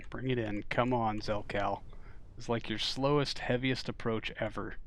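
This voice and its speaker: Gravelly casual male game streamer. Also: medium pitch, fairly even intonation, normal speed. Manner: casual, swears, reacts loudly to mishaps. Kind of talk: live game commentary.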